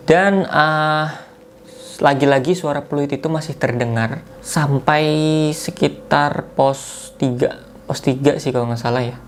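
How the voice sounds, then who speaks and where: A man casually retells a listener's mountain horror story as host, talking loosely with slang fillers and self-corrections. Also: mid-range voice.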